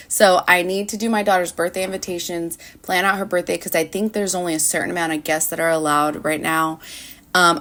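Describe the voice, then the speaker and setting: Rambling low-voiced woman vlogger. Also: a bit bright. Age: early 30s. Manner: rambling, conversational, frequent "like". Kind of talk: casual vlog chat. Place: indoors at home.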